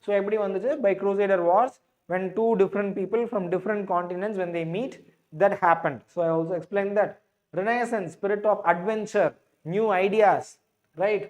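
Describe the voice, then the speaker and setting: A man's voice: high-pitched, a little mellow, muffled recording. A man with a Tamil accent teaching an exam class in a didactic way, repeating phrases and checking with questions. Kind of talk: live online lecture in English with some Tamil.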